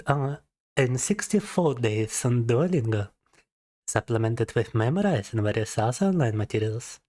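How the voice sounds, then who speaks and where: A playful young VTuber streamer whose first language is Russian teases his audience in casual livestream chat, reading messages aloud and laughing often. His voice is fairly high with a darkish tone.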